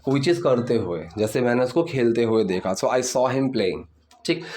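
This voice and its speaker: A man's voice: mid-range voice, a little mellow. Guy teaching english grammar, patient, mid voice, keeps saying okay. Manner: patient, repeats "theek hai" often. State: sore hands from the gym. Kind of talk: grammar lesson explaining sentences.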